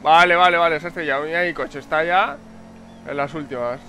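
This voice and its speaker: Excitable high-voiced Spanish gamer. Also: male voice. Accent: Spain Spanish. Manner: excitable, swears a lot, repeats words in rapid bursts. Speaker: gameplay commentator. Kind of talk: excited live game commentary. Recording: faint game noise behind.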